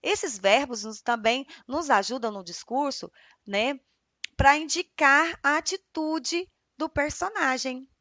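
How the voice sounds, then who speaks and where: A young woman teacher with a Brazilian Portuguese accent explains a school lesson to children in an expressive way, often ending phrases with a questioning "né?". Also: sits high, takes it slowly, dry recording. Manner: expressive, frequent "né?" tag questions.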